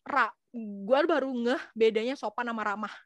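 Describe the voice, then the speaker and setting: A woman's voice: a little high, normal speed, dry recording. Chatty young woman telling stories. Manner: chatty storytelling in slang, acting out quoted voices. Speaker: guest sharing experiences abroad. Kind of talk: casual chat.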